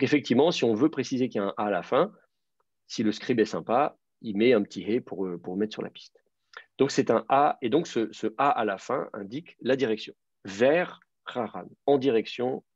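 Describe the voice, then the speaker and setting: Gravelly-voiced man teaching a class. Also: on the low side, a little mellow, dry recording. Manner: hesitant, many fillers and restarts, explanatory. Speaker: teacher of biblical Hebrew. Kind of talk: online class lecture. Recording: dull, dry lo-fi sound.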